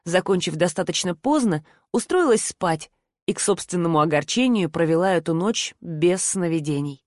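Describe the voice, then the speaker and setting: A woman narrating a novel in the first person with steady, even storytelling. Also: lowish voice, normal speed, dry recording, studio quality. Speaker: audiobook narrator.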